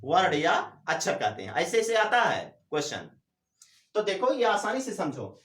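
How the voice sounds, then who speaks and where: A male teacher giving a classroom lecture, asking questions and answering them himself, drawing out words slowly to demonstrate. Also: high-pitched, far from the mic. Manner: drawls syllables slowly to demonstrate. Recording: echoey room.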